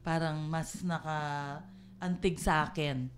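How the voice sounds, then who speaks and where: A woman from the Philippines sharing her faith story in casual, halting talk with many fillers. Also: low-pitched, fairly even intonation. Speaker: church member sharing testimony.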